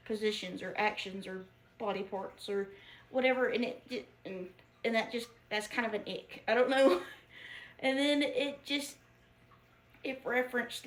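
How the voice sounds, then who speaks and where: A woman's voice: on the high side, a bit bright. A woman giving a casual book review, chatty and giggly, with lots of fillers and restarts. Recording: echoey room.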